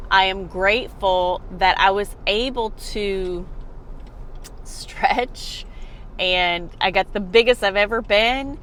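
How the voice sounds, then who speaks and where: Slow-talking woman in her forties. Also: mid-range voice, a bit bright, a little hiss or hum. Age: 40s. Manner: earnest, unhurried, speaks directly to the viewer. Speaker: fitness vlogger and mom. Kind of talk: casual motivational talk to camera.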